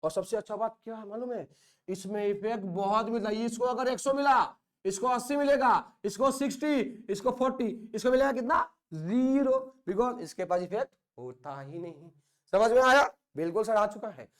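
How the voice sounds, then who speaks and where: A man from India teaching chemistry to a class, his voice sitting very high for a man. He teases and scolds the students in a playful way and repeats key phrases again and again to drill them in. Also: moderate pace. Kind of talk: classroom lecture.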